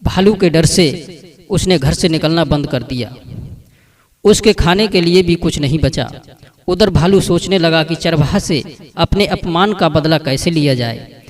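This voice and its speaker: A man narrates a folk story in a plain, steady storyteller's manner. His voice sits a bit high for a man. He sounds set back from the microphone. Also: recorded from a distance.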